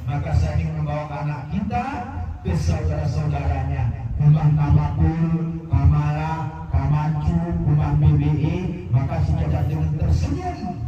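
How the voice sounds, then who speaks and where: A man from Aceh preaching an Eid sermon as dramatic storytelling, impassioned and swinging from low murmurs to loud cries. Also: expressive, moderate pace, a loud crowd. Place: large echoing mosque. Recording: echoey hall from far off, dull lo-fi, music behind.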